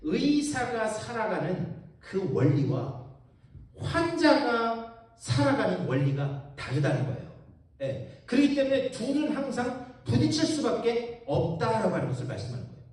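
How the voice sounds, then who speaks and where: Animated male pastor in an echoey church. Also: extremely high pitch, normal speed. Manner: animated storytelling, asks the audience questions. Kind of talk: Bible-study sermon. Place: church sanctuary. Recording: echoey church hall from far off.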